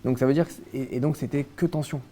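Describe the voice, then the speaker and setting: A man's voice: mid-range voice, steady tone, fast talker, mellow. A young man from France, a guest in a casual interview, recounting his childhood with many hesitations and restarts.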